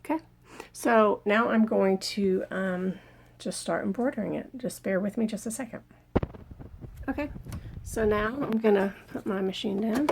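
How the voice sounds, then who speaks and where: Gravelly-voiced woman with a cold. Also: mid-range voice, measured pace, slight background noise. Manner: chatty, many ums, talks while working the machine. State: has a cold, slightly out of breath. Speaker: embroidery channel host. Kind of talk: casual hands-on craft tutorial.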